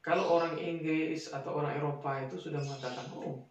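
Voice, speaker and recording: A man's voice: a little high, fairly even intonation, quick pace, far from the mic, muffled recording. A man giving a casual spoken lesson, explaining step by step and sounding out example words again and again. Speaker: English teacher. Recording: echoey room, voice set back from the mic.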